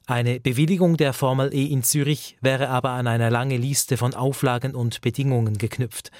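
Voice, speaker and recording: A man with a medium-pitched voice delivers a scripted radio news report. His tone is matter-of-fact and brisk. The sound is close and dry. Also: fairly even intonation, darkish tone, dry recording.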